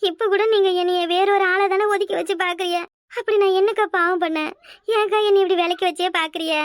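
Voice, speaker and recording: A woman's voice: extremely high pitch, brisk, fairly bright tone, no room sound, clean studio sound. A woman voicing a tearful, pregnant young daughter-in-law in a cartoon, speaking with a Kanyakumari Tamil accent in a wailing, pleading manner. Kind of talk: cartoon voice acting.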